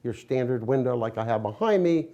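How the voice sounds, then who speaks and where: A man's voice: mid-range voice, expressive, a little fast, dark tone, muffled recording. An American man, a business owner, giving a conversational promotional interview in a plain-spoken, explanatory, folksy way. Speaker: window company owner, interviewee.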